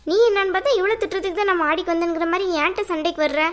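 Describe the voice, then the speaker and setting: A woman voicing a sharp-tongued older sister in a cartoon who mutters and grumbles in a lower voice. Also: very fast. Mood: defensive.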